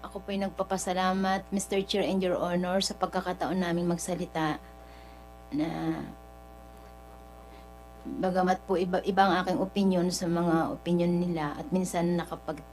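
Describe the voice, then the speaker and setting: A Filipino woman responding at a hearing, speaking softly, haltingly and politely. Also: fairly low pitch, flat delivery, faint music behind, low-quality recording. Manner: soft-spoken, halting, polite. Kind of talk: formal hearing testimony.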